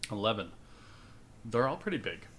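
A man's voice: fairly low pitch, big pitch swings, moderate pace, fairly bright tone, slight background noise. A man narrating as game master, rambling with lots of ums and likes. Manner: rambling, many fillers.

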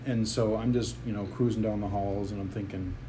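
A man's voice: on the low side, fairly even intonation, fairly quick, mellow, slight background noise, poor audio. A man co-hosting a casual podcast about video games, talking in a rambling way and often restarting his sentences. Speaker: podcast co-host. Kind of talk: casual gaming chat.

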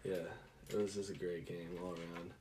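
A young man telling an absurd story in a deadpan, halting way, with many restarts. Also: low voice, crowd noise.

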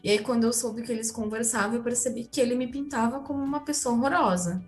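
A woman's voice: a little high, fast talker, faint music behind. A woman in her twenties with a Brazilian Portuguese accent, an interview guest telling a personal story in a candid, chatty way, full of fillers and asides to the listeners.

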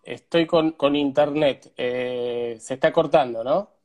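A man's voice: medium pitch, slow pace, a little mellow. A man in his forties with an Argentine accent, a filmmaker being interviewed on a live stream, speaking hesitantly with many fillers while his internet audio glitches and cuts out. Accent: Argentine Spanish. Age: 40s. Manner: hesitant, full of fillers and restarts. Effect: glitching, cutting-out internet audio. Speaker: filmmaker guest.

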